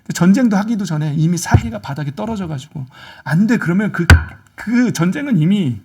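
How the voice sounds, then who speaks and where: A man preaching a sermon as pastor, animated, swinging between loud exhortation and soft asides. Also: high-pitched, fairly quick, background noise.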